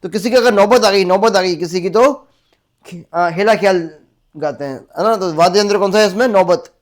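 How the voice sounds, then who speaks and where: A male teacher with a Rajasthani accent gives an exam-prep lecture, asking "clear?" again and again and repeating facts to drill them. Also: high-pitched, moderate pace. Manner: asks the class "clear?" again and again.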